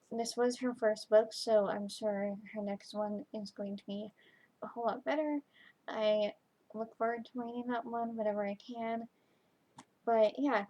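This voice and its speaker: A woman giving a chatty, informal book review to camera, halting and often trailing off mid-thought. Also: on the high side, mellow, rough recording. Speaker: book reviewer, video host.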